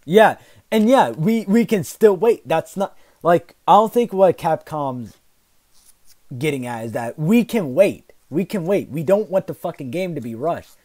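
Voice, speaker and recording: A man's voice: fairly high pitch, expressive, measured pace, darkish tone, no room sound. Ranting, exasperated, swearing gamer guy. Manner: heavy profanity. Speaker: gaming commentator. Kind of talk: live commentary rant, casual chat.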